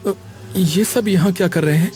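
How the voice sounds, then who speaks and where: A man voicing a gentle, timid young man who pleads softly with those around him. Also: high-pitched, moderate pace, close to an everyday voice. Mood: pleading. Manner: pleading, soft-spoken.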